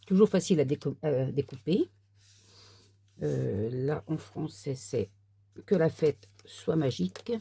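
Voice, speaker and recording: A woman talking viewers through a paper craft kit in a relaxed, unhurried way, handling the pieces as she speaks. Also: low voice, creaky, husky, dry recording. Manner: soft, unhurried, talks while working with paper. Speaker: crafter demonstrating a card kit. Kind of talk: casual crafting tutorial.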